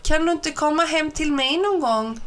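A shy, gentle schoolgirl speaks softly and a little hesitantly in a storybook reading, as a woman puts her on. Her voice is high and light. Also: close to an everyday voice. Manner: quiet, hesitant.

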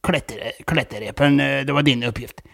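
A man's voice: medium pitch, gravelly, a bit bright, dry recording, clean studio sound. A man voicing a nervous male vole in a children's story, hesitant and full of fillers.

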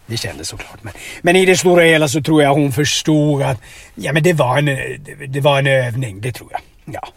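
Husky rambling man in a car. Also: mid-range voice. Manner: rambling, tags lines with "va?". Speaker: comedic storyteller. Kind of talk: deadpan absurd comedy chat. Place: inside a car.

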